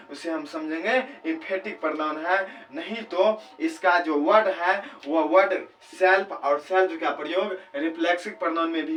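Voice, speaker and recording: A man teaching English grammar in Hindi, explaining step by step, asking questions and answering them himself, and reading English examples slowly. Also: high-pitched, fairly bright tone, recorded from a distance, a little hiss or hum. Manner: reads English sentences slowly and deliberately.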